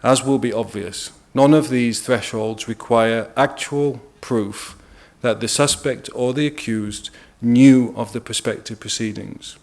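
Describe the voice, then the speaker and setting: A British man speaks at a press briefing, laying out a legal argument in a formal, measured way. His pitch sits in a middle range, and he leans on key words for emphasis. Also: vocal fry, a little mellow.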